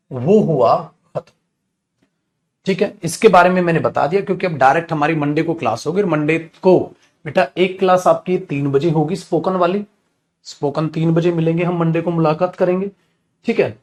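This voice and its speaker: A man teaching an English grammar class in Hindi, calling students "beta" and acting out angry scolding examples. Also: fairly high pitch. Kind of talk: live online grammar class.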